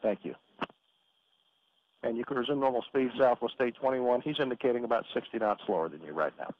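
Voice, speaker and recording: An air traffic controller with a medium-pitched voice gives brisk, procedural instructions in radio phraseology, broken by filler pauses. The transmission sounds muffled and carries hiss.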